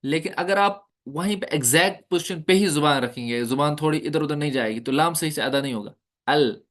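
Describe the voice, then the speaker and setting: A fairly high, fairly bright male voice moves a little fast through a recitation class lecture. The teacher explains points one step at a time, quizzes the class, and demonstrates the sounds.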